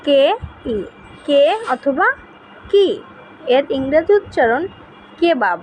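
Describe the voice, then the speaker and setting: A woman teaching a pronunciation lesson, reading out letter pairs and example words one by one in a slow, deliberate way. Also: high voice, animated, a little mellow, rough recording.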